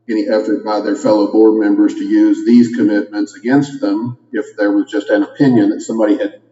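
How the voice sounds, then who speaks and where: A man with a Kentucky accent gives legal advice in a low, even, mellow voice, choosing his words carefully. He sounds slightly muffled, as if talking around a cough drop. The audio is dull and lo-fi, with a long reverb. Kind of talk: formal legal explanation. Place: meeting room. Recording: echoey hall, dull lo-fi sound.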